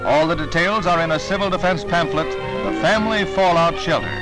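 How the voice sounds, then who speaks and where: Male narrator, old newsreel, brisk and wry, loud music under the voice. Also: fairly high pitch, rough recording. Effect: old newsreel soundtrack.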